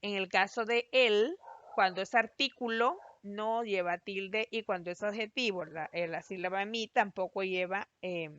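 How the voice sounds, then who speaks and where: A woman teacher giving a recorded class, explaining patiently and spelling out syllables slowly. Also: mid-range voice, a bit bright, dry recording. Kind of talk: recorded online class lesson. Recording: dry, slightly dull lo-fi voice-over.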